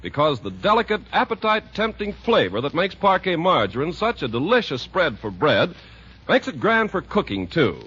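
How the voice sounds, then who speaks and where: Speaking at normal speed with a fairly bright tone and a breathy edge, this very animated man delivers scripted 1940s radio ads and narration in smooth salesman style. The old radio recording is muffled.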